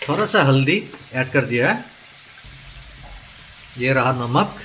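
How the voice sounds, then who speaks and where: A man with an Assamese accent cooks at home for his vlog and talks the viewer through each step with loud enthusiasm. His voice sits at an ordinary middle pitch, and a clear hiss of background noise runs under it. He keeps exclaiming about the smell and the taste. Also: animated, takes it slowly, low-quality recording. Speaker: cooking vlogger. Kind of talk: casual cooking vlog. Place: home kitchen. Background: food sizzling and frying.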